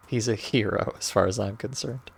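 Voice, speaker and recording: Gravelly, wry male game streamer. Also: fairly low pitch, measured pace, a little hiss or hum. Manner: wry, joking, often laughs and restarts. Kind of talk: let's-play commentary.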